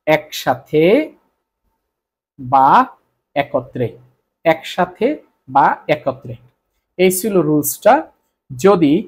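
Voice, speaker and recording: A man's voice: a little high, darkish tone, slightly rough. A Bengali-speaking man teaching Korean spelling rules, repeating each point and answering his own questions. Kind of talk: explaining grammar rules to students.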